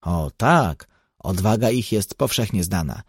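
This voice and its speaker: A man reading an audiobook, voicing a seasoned tracker who explains and warns in a measured way. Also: fairly low pitch, expressive, slightly rough, dry recording, clean studio sound. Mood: explaining. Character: seasoned grave male tracker, guide.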